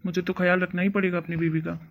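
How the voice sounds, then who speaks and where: A man voicing a whiny cartoon son, flat. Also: high-pitched, quick pace, slight background noise. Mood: indignant. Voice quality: whining. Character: whiny young son, protective husband. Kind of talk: cartoon voice acting.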